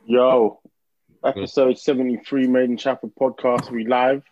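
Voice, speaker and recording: A man's voice: medium pitch, little pitch movement, moderate pace, darkish tone, highs cut off. A man with a London roadman accent hosting a casual podcast chat in slangy, laid-back talk. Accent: London roadman (urban slang). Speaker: podcast host.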